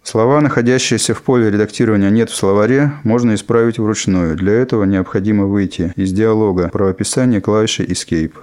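A man reading scripted instructional narration as an instructor, in a measured, formal manner. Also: fairly low pitch, steady tone, darkish tone. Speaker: instructor narrating a software lesson.

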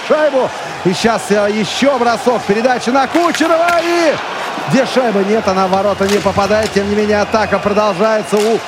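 A high-voiced man gives an excited hockey goal call, live play-by-play that follows each pass and shot. He pauses with little fillers mid-phrase. Loud arena noise runs all through the recording. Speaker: hockey commentator, audio description for blind listeners. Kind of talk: live play-by-play sports commentary. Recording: very noisy live arena ambience.

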